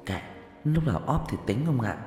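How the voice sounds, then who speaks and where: A man's voice: medium pitch, sing-song, normal speed, darkish tone, pitched above the performer's own voice, natural voice. A man voicing a curious young boy who begs and wheedles. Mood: eager. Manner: eager, wheedling. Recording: echoey room with faint music.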